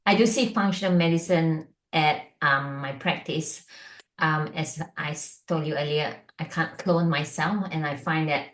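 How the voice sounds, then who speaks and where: Middle-aged Malaysian-born woman, low voice, chatty guest doctor, roomy sound. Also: unhurried, a bit bright. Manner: chatty, lots of fillers and likes. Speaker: functional medicine doctor, guest. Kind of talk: casual interview chat.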